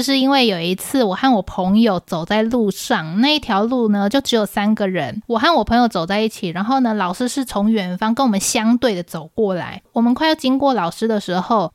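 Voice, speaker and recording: A woman's voice: a little high, fairly quick, few pauses, no room sound, clean studio sound. Laughing young Taiwanese woman telling stories. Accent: Taiwanese Mandarin. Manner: animated storyteller, acts out dialogue, laughs often. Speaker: podcast co-host. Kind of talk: casual chat, storytelling.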